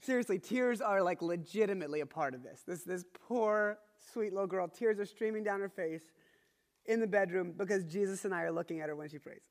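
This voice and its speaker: A man's voice: high voice, a little fast. A man in his thirties preaching a sermon, telling a family story in an earnest, conversational way with frequent restarts. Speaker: pastor. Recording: long hall reverb.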